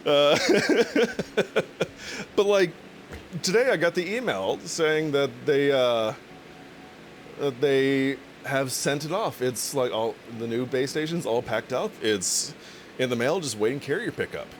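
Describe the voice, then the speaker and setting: A man's voice: medium pitch, slow, slight background noise. A man chatting casually with his viewers on a cooking live stream, laughing often and swearing now and then.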